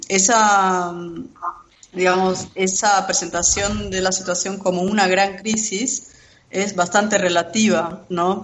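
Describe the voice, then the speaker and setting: A woman from Brazil whose first language is Portuguese, a guest researcher explaining her views in a measured way on a radio interview. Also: medium pitch, a little hiss or hum.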